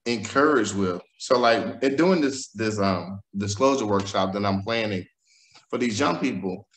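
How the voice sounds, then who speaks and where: A man's voice: mid-range voice, a bit bright. A man, a guest telling stories candidly and animatedly in conversation. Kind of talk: storytelling in conversation. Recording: roomy echo.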